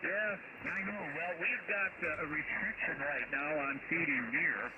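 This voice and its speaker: A man's voice: on the high side, unhurried. A man from Wisconsin chatting over amateur radio, his audio fuzzy and distorted from interference, rambling with many fillers. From Wisconsin, USA. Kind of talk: casual radio chat. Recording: lo-fi ham radio with loud noise.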